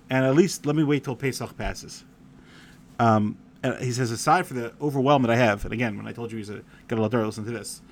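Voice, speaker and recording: A man's voice: mid-range voice, a little hiss or hum. A man giving a conversational Torah lecture, wandering between stories and reading letter passages with feeling, scattering Hebrew and Yiddish terms as he goes. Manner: reads quoted letter passages aloud with feeling. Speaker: Torah teacher.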